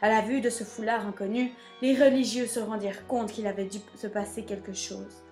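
A woman reading a children's storybook aloud in an expressive, measured way. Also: medium pitch, soft background music.

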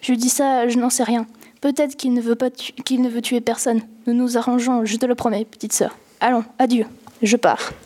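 Brief: a woman reading a rambling, pleading teen boy, mellow low-key voice. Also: level tone, moderate pace, close to an everyday voice. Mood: tearful. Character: impulsive teenage boy, pleading and tearful.

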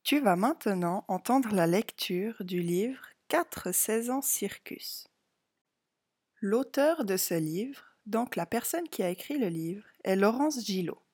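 A woman reading a picture book aloud to children, slow and clear, speaking directly to the young listener. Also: mid-range voice, expressive, a little mellow. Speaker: storybook reader. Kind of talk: read-aloud story for children.

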